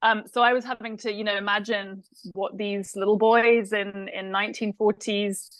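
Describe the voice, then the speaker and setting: A woman's voice: medium pitch, little pitch movement, normal speed, no echo, poor audio. A woman from England with an English accent, a film director answering interview questions thoughtfully, with many fillers and restarts.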